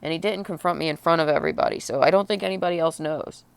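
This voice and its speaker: A woman crying and very upset, venting personally in a blubbering, tearful, halting way. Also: low-pitched, vocal fry, clean tone, no room sound. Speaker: vlogger. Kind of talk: emotional personal vent to camera.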